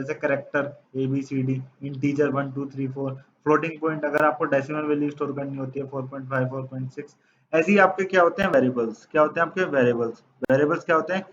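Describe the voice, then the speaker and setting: A man with a fairly high voice lectures a programming class. He keeps asking questions and answering them himself, switching back and forth between Hindi and English. The recording is dull and lo-fi, with faint noise underneath. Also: a bit bright. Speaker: programming teacher.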